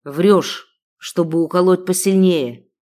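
A woman voicing a jealous, possessive male sheikh who growls his lines, menacing and loud. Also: low voice, measured pace.

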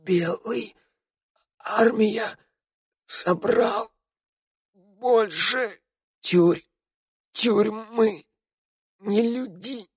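A man voicing a distraught young undead man who sobs and begs, his voice high and breaking. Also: expressive, takes it slowly, no room sound. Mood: dying gasps. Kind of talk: audiobook character voice.

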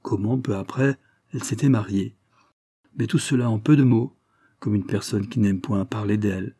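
A man narrating a classic novel in the first person in a measured, even storytelling manner. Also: fairly low pitch, husky, dry recording, clean studio sound. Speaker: audiobook narrator.

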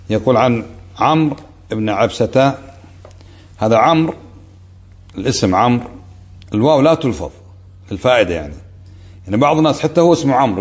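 A man's voice: mid-range voice, a little mellow. A man teaching a religious lesson, explaining texts and slipping in light humorous anecdotes. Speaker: sheikh teaching a hadith book. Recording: dull lo-fi lecture recording.

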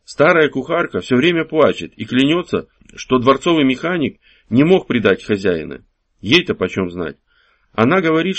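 Eager servant boy, read by a man. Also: mid-range voice. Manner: hushed, conspiratorial reporting.

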